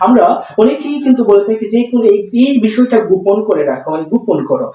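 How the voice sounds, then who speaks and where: A teacher giving a spoken English lesson, explaining slowly and repeating words, recorded from a distance. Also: medium pitch, very animated, dark tone, lo-fi sound, slight background noise. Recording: echoey room, far from mic.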